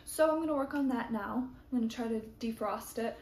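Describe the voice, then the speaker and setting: A young woman narrates her home cooking in a casual, rambling way, filling pauses with ums. Her voice sits a little high. The sound is echoey, with loud frying and sizzling behind her. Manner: chatty, self-narrating, with frequent ums. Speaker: cooking vlogger. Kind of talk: casual cooking vlog chat. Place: home kitchen. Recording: echoey kitchen with sizzling noise.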